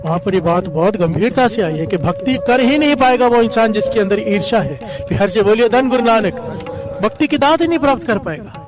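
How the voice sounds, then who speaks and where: A man's voice: high voice, animated, fairly quick, hardly any pauses. A man preaching a devotional sermon, telling a story and often calling out a chant for the congregation to repeat. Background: devotional music.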